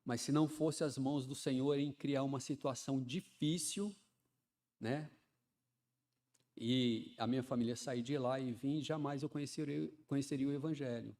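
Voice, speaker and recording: A man, preaching a sermon in a chatty style that swells into loud, fervent emphasis. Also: mid-range voice, fairly even intonation, moderate pace. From Ceará, Brazil. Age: 50s. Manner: conversational preaching, often adds "né", builds to loud fervent emphasis.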